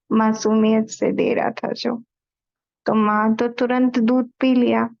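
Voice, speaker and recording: A woman leading a meditation session, narrating a devotional story in an expressive storytelling manner to a group. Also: a little high, vocal fry. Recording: muffled lo-fi recording.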